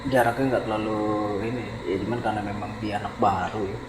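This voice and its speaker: A man's voice: on the low side, steady tone, fast talker, noisy background. Chatty man, roomy echo. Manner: chatty, prompting, laughs easily. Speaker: podcast host. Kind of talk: casual chat. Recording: roomy echo, reverb, music bed.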